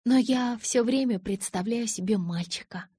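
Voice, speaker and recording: Woman voicing a soft-spoken stubborn pregnant girl. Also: a little high, normal speed, breathy edge, no echo, clean studio sound, voice pushed up. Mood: pleading. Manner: soft, pleading, reassuring. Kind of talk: audiobook character voice.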